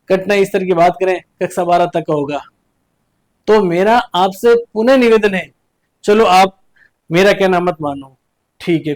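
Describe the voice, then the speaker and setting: A man's voice: sits high, darkish tone. A young man from India, giving an earnest exam coaching lecture as a teacher, repeating points and asking rhetorical questions.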